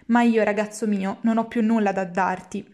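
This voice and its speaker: A woman voicing a patient, kindly old man, a poor father, speaking lower and softer. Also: fairly even intonation, moderate pace, lightly acted.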